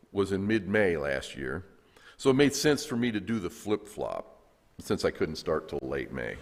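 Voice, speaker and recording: A man with a Southern American accent preaching as a guest pastor, folksy and joking with the congregation. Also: fairly low pitch. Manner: folksy, animated, jokes with the congregation. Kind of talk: sermon with humor and audience call-and-response. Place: church sanctuary. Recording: echoey church hall.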